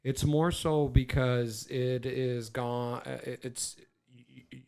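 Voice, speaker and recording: A man's voice: mid-range voice, fairly even intonation, takes it slowly, vocal fry, a little mellow. A man in his forties co-hosting a podcast in casual chat, rambling and stammering with plenty of swearing. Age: 40s. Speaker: podcast co-host.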